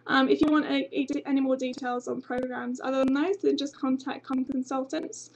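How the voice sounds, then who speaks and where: In a muffled recording with a little hiss or hum, a young woman speaks at normal speed in a high voice with flat delivery. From England, with an English accent carrying a slight Australian tinge, she presents a university webinar from a small office, banner behind, on a webcam at her desk, sounding chatty and informative with frequent ums.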